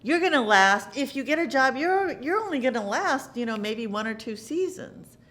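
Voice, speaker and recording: Animated middle-aged actress, lively voice. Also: female voice, sits high, normal speed. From United States. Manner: animated, repeats words for emphasis, acts out quoted lines. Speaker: actress interviewee. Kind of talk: reflective interview talk. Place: theater.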